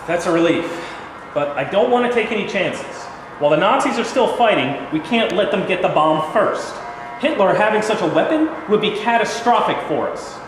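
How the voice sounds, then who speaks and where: A man playing a blunt, exasperated American president in a staged play reading, with deliberate, emphatic delivery, recorded in an echoey hall. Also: sits high, lively intonation. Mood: weighing, concerned. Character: President Truman, blunt, exasperated newly informed American leader. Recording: very echoey hall, faint noise.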